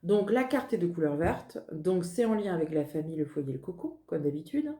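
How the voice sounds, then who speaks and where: A chatty woman works through a card reading in a mellow, warm voice, pitched a little low. She mocks herself as she talks, and her voice rings with the echo of the room. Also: lively intonation, a little fast. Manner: chatty, self-mocking, laughs at herself. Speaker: medium giving a card reading. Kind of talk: casual spoken card reading. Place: indoors at her desk. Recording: roomy echo.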